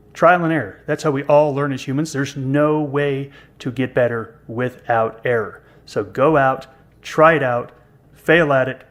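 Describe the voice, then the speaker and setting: A man in his fifties co-hosting a podcast in casual chat, joking and poking fun at himself. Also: medium pitch. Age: 50s. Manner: self-deprecating, joking. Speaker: podcast co-host.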